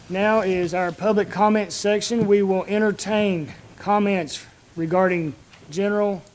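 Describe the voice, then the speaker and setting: A man's voice: high-pitched, a little mellow, a little hiss or hum, low-quality recording. A man chairing a formal meeting in a polite, procedural way. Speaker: commission chairman. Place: indoor public meeting room.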